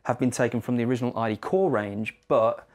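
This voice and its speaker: Male product rep, 30s, conversational demo delivery, mid-pitched voice. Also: fast talker, darkish tone. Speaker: product representative for a guitar amp brand. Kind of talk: casual product demo chat. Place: indoor guitar shop.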